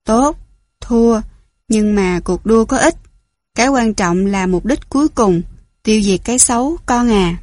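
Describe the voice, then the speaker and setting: A woman voicing an older father who speaks slowly and steadily to encourage his son. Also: a little high, expressive, a little mellow, dry recording. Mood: encouraging.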